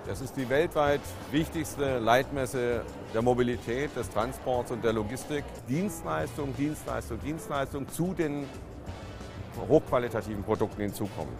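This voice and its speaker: A man talks briskly at a mid pitch, repeating a word for stress. Music plays clearly behind him. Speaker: trade fair spokesman. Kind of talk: interview statement.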